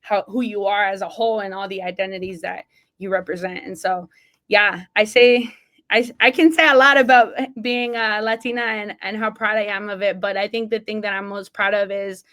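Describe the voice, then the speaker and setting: Appearing as a podcast guest, this Mexican associate athletic director, a single mom, chats in an interview with an earnest, emphatic manner, frequently adding "right?". She speaks at a moderate pace in a medium-pitched, a bit bright voice with fairly even intonation.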